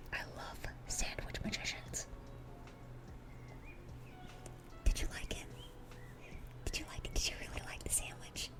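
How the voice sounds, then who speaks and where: A woman lightly acts the part of an affectionate, dorky demon girl in whispered ASMR, eagerly rambling and repeating things. She sounds overjoyed and tearful.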